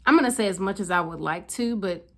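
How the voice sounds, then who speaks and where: A woman therapist talking to camera in a thoughtful, unhurried way, pausing to search for her words. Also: medium pitch, fairly bright tone. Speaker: licensed therapist and wellness coach, channel host. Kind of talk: reflective personal talk to camera.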